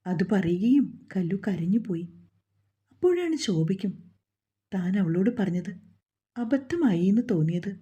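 A woman storyteller giving scripted story narration in a calm, even way. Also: medium pitch, normal speed, pauses often, breathy edge, muffled recording.

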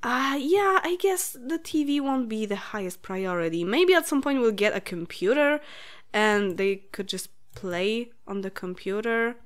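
A woman's voice: fairly high pitch, expressive, unhurried. A woman in her late twenties, a native Polish speaker, giving chatty let's-play commentary in English, thinking aloud and giggling often. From Poland. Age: late 20s. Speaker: gaming channel host.

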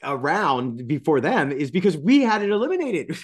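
Animated man hosting a video call interview. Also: fairly high pitch, normal speed, slightly rough. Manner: animated, expressive, excitable. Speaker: interview host. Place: home studio with colored light strips.

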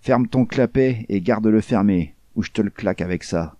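Growling flat-voiced gangster read by a man, dark and low, crime audiobook. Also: moderate pace, dry recording, natural voice. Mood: menacing. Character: menacing wary male gangster holding a gun.

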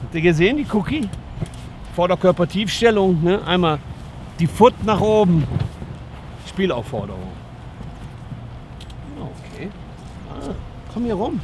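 A man who works as a dog trainer, giving lively casual commentary outdoors as he talks to the dogs and to his viewers. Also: high-pitched, a little slow, pauses often, a little hiss or hum.

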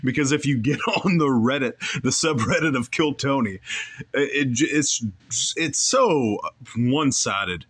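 Offering loose, opinionated remarks on a clip from a comedy show, this male podcast host rambles and keeps correcting himself. He speaks a little slowly in a mid-range, slightly bright voice with a breathy edge.

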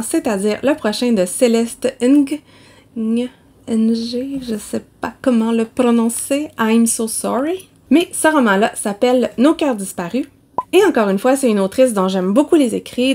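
A woman's voice: medium pitch, darkish tone. A woman with a Québécois accent, chatting casually about new novels as a book vlogger, self-mocking and laughing often. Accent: Québécois French. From Quebec.

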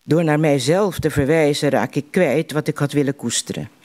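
A man reciting poems in a slow, measured way, with deliberate pauses between lines. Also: fairly high pitch, darkish tone. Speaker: poetry reciter at a literary evening.

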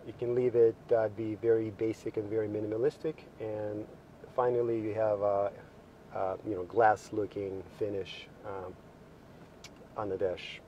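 This car walkthrough video features a man with a fairly low, level, warm voice at normal speed, heard through dull audio with a little hiss or hum. As a dealership product specialist, he explains the features from inside a car parked in a lot, using frequent fillers and restarting often.

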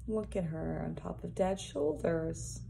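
A young woman, an early years worker, slowly reads a picture book aloud for young children, dropping in casual asides. Her voice is lowish, dark and animated with some vocal fry. She's seated at a desk in a small, plain indoor room, recorded on a phone or device propped at arm's length that adds a little hiss or hum.

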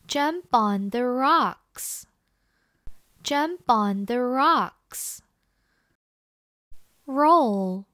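A woman leading a slow English read-aloud drill. She says each word or phrase twice, clearly and with exaggerated expression, so learners can repeat after her. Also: on the high side, fairly bright tone, no room sound, studio quality. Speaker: English reading teacher.

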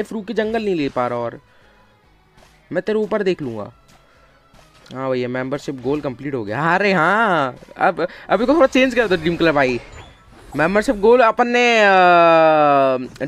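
A man streaming a mobile game live, chatting with viewers and calling out to teammates, with bursts of excited shouting. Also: fairly high pitch. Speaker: gaming streamer. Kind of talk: casual live game commentary.

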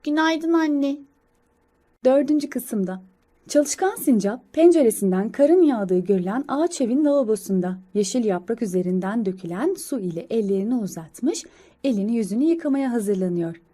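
A woman reading an audio description of a children's comic, slow, careful and even. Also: on the high side.

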